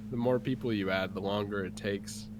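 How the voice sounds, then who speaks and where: This man sounds congested, his nose clearly stuffed up, as he chats casually and explains game plans in a rambling way full of fillers. He speaks fairly quickly, with a fairly low pitch and a steady tone, and the voice chat audio is noisy.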